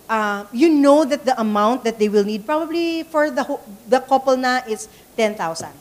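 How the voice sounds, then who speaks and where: A slightly high, somewhat mellow female voice belongs to a Filipina church event trainer with an Ilonggo accent. She gives a conversational training talk, mixing English and Tagalog and repeating words while she thinks.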